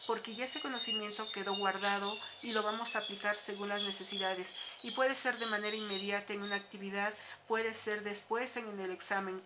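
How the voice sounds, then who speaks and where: A woman teacher walks her students through a lesson, explaining step by step and filling pauses with small "eh" sounds. Her voice is bright and clear at a middle pitch. Faint noise hums under the recording. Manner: explanatory, steady, with frequent "eh" fillers.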